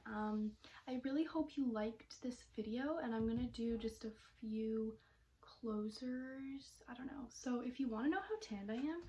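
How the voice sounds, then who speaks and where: Chatty young woman vlogger, slightly high. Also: warm tone, a little hiss or hum. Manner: chatty, rambling, many fillers. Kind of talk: casual storytime vlog.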